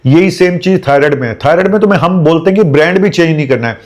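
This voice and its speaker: A man's voice: a little high, expressive, fast talker. A middle-aged man, a doctor, giving emphatic, direct health advice in a video. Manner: emphatic, pleading and direct with viewers.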